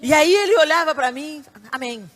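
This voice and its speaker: A middle-aged woman with a Brazilian Portuguese accent, preaching to a conference audience with emphatic, animated delivery and sudden loud bursts. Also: a little high, moderate pace, a little hiss or hum. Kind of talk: sermon. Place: conference hall before a live audience.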